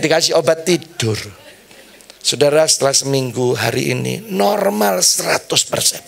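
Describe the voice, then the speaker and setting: A middle-aged man preaching a sermon, telling stories with lively, acted-out voices. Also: on the high side, gravelly. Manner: animated storytelling preacher, acts out quoted voices. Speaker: pastor.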